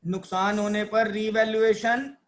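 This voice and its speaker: A man gives a lively accounting lesson in a high voice. He acts out little reactions of joy and dismay. He quizzes his students and answers for them. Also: measured pace. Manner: asks students questions and answers them himself. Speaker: accounting teacher. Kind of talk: classroom lecture.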